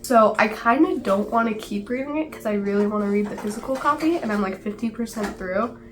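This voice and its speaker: Congested from a cold, a woman vlogs about books in her cozy home library, speaking fairly quickly at a medium pitch. She's chatty and leans heavily on "like" as filler.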